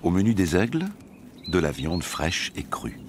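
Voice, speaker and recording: A man narrating a nature documentary from a script, in a measured storytelling delivery. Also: sits low, expressive, noisy background.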